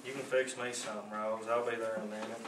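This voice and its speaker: A man acting as an easygoing grown son in a school play, with a relaxed delivery. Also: on the low side, quick pace, reverberant, recorded from a distance, slight background noise, close to an everyday voice, poor audio. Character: grown son Lyons, easygoing and smooth-talking.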